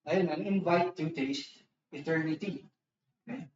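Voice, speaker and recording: A man's voice: fairly high pitch, measured pace, darkish tone, far from the mic, a little hiss or hum. A man preaching a sermon in a loose conversational way, with frequent restarts and tag questions, switching between Tagalog and English. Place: church hall. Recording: echoey church hall, dull lo-fi sound, speaker off-mic.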